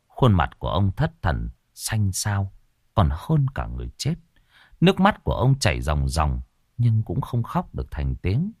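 Guy narrating a horror audiobook, low voice, really lively delivery, dry close sound. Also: no room sound. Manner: expressive, rising and falling storytelling.

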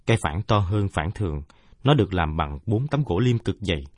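A man tells a first-person story in a steady, measured manner. His voice is low and husky. It comes across close and dry, with no room sound. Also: no room sound. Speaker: narrator. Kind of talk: first-person audiobook narration.

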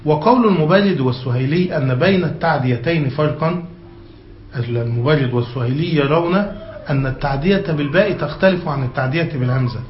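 A man's voice: on the high side, quick pace, faint music behind. Man teaching grammar, echoey lo-fi recording. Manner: keeps checking that students follow; reads passages aloud, then explains them. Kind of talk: classroom lesson explaining a grammar text. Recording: echoey, dull lo-fi room recording with faint hiss.

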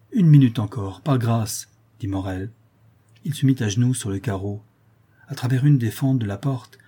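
Mellow, husky male audiobook narrator. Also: fairly low pitch. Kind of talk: scripted literary narration.

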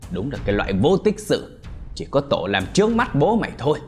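A man playing a drunken, abusive husband in a story reading, shouting threats in a thick, hoarse voice. The tone swings widely and loudly, with faint music underneath. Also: mid-range voice, huge pitch swings, fairly quick, voice pushed up. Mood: drunken rage.

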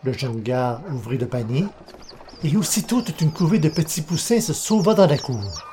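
Mellow-voiced male storybook narrator. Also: a little high, slight background noise. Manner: measured, even storytelling.

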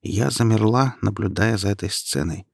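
A man narrating an audiobook at a steady storytelling pace. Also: on the low side, moderate pace, creaky, husky, no room sound, studio quality. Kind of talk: audiobook reading.

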